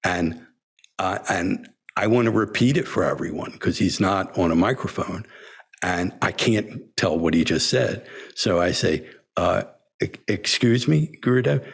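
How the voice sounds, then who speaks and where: An older man, a senior disciple, reminiscing in a storytelling talk, halting with many fillers and frequent chuckles. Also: sits low, vocal fry, breathy edge. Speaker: senior disciple telling stories.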